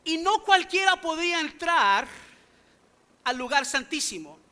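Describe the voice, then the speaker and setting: A male pastor preaches in a church sanctuary in a language other than his native English, emphatically posing rhetorical questions to the congregation. His extremely high, sharp voice is very animated, though he speaks a little slowly.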